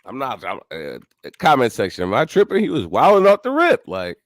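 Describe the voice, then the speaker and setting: A man's voice: medium pitch, wildly swooping pitch, a little fast, no room sound, clean studio sound. A man co-hosting a casual stream, reacting to a clip in laid-back slangy banter.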